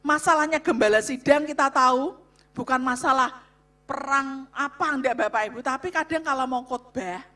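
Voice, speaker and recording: A woman delivers a sermon on marriage in a high, bright voice. She speaks loudly and with emphasis, repeatedly addressing the listeners directly. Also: moderate pace. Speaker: co-speaker at a church revival on marriage. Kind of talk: sermon-style talk to a congregation.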